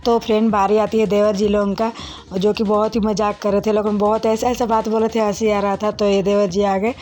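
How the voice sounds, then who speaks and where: With music running under her, a young woman gives a chatty voice-over for her wedding video, treating viewers as friends and using many fillers. Her voice is mid-range, level, and brisk.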